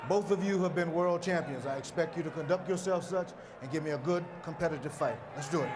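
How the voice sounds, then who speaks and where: A man's voice: a little high, quick pace. A man giving formal pre-fight instructions as a boxing referee in a commanding manner. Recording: noisy arena ring.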